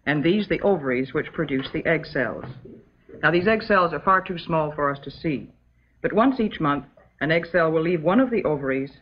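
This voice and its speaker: This is a scripted lesson from an old educational film, with a low-voiced American actress cast as a calm, motherly substitute teacher. She speaks in a prim, instructional manner, measured and patient. The film's soundtrack sounds dull and muffled.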